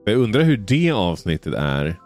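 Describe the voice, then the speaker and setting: A man's voice: on the low side, sing-song, a little mellow, faint music behind. A man co-hosting a casual gaming podcast, curious and full of questions. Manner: curious, asks lots of questions. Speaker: podcast co-host.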